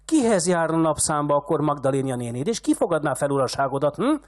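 A man reading aloud as a furious old rich village patriarch who shouts insults and rants at a younger man. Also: extremely high pitch, animated, voice pushed up. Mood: raging.

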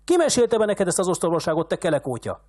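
A man reading aloud as a furious old rich village patriarch who shouts insults and rants at a younger man. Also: very high voice, lively intonation, pitched above the performer's own voice. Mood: raging.

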